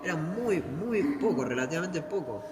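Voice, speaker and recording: This Argentine-accented museum tour guide has a slightly high voice, lively intonation, and normal speed. Walking visitors through a museum hall, he explains exhibits and asks and answers his own questions. The recording is echoey and noisy in the background.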